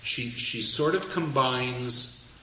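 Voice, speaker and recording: A man's voice: medium pitch, takes it slowly, bright, forceful tone, slight background noise. A man giving an anecdotal lecture, a wry storyteller who chuckles at his own asides. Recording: echoey, dull room recording with faint ambience.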